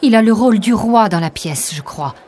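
A woman's voice: medium pitch, lively intonation, normal speed, a little mellow, husky, voice pushed up. A woman voicing a reassuring mother. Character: friendly mother of a pupil, informed.

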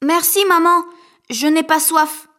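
Timid red-haired little boy voiced by a man, storybook reading, very high, bright. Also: steady tone, unhurried, full character voice. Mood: polite. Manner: shy, hesitant.

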